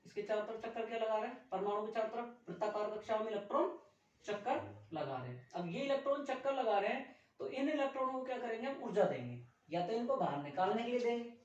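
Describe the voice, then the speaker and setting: A man's voice: very high-pitched, a little mellow. A man teaching a physics class, calling on students to stand and answer and scolding those who haven't studied. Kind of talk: classroom lecture with student questioning. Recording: echoey room from far off, dull lo-fi.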